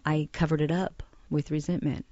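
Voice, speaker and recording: A middle-aged woman telling an emotional personal story, heartfelt and halting, often repeating words, on a dull lo-fi recording. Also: low voice, little pitch movement, warm tone, dry recording. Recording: dull lo-fi sound.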